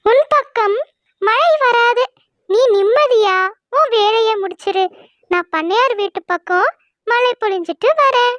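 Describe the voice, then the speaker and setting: A woman's voice: very high voice, measured pace, long pauses, no echo, lo-fi sound. A woman voicing a kind, caring talking cloud in a cartoon story. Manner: gentle, soothing.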